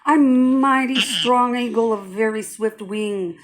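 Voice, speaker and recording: A woman reading a rhyming storybook aloud with an expressive, rhythmic delivery. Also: on the high side, takes it slowly.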